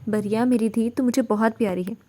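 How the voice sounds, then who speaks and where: Woman voicing an elderly mother-in-law, gentle, coaxing, mellow tone. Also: on the high side, fairly even intonation, natural voice. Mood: pleading.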